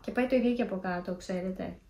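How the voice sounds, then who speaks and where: A woman's voice: medium pitch, darkish tone, echoey room, a little hiss or hum. A young woman in a casual vlog, chatty and self-mocking as she tells scary stories. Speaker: vlogger.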